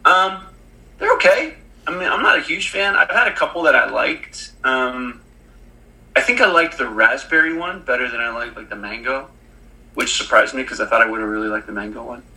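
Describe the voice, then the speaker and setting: A man's voice: mid-range voice, fairly quick, creaky, pushed and bright, rough recording. A man in his thirties co-hosting a casual chat, telling a long story with lots of fillers and restarts. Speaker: podcast co-host.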